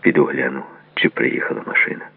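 A curt, guarded gamekeeper read by a man in a very deep, gravelly voice. He answers in short, clipped phrases. The sound is thin and lo-fi, as if heard over a phone line. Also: steady tone, a little fast, no room sound, exaggerated voice. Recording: tinny phone-like lo-fi audio.

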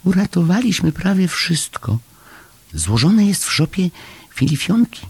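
A man's voice: mid-range voice, lively intonation, unhurried, creaky, a little mellow, slightly rough, no room sound, pitched above the performer's own voice, full character voice. A man voicing a small, eager young male hamster in an audiobook story, with earnest, pleading chatter. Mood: excited. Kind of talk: audiobook character voice.

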